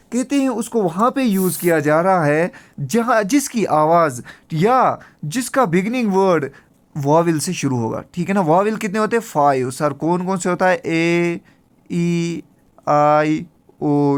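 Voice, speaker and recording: Guy teaching grammar, asks stuff then answers it himself, keeps repeating words. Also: on the high side. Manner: explains step by step, repeating key words. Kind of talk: classroom grammar lesson. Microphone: screen recording with slides.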